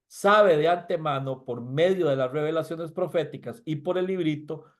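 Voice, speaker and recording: A middle-aged male pastor teaching a Bible class in an earnest, explanatory way, often repeating and restarting phrases. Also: on the high side.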